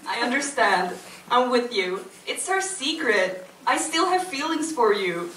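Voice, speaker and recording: A woman's voice: fairly high pitch, expressive, unhurried, a bit bright, recorded from a distance, slight background noise. Woman reading giggly flirty Lisa. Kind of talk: live amateur script reading. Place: cinema stage before a live audience. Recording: echoey hall, picked up from afar.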